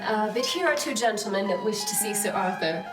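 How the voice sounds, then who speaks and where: A woman's voice: mid-range voice, animated, fairly quick, echoey room, far from the mic, music in the background, natural voice. A woman playing a gracious, flirtatious Victorian stage actress who speaks in a sweet, theatrical way. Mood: polite. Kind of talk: amateur online musical reading.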